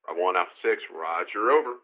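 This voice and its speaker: A man's voice: low-pitched, expressive, fast. A man making clipped military radio calls as a tank platoon player, heard through a radio with static bursts. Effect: radio transmission with static bursts. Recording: tinny phone-like radio line.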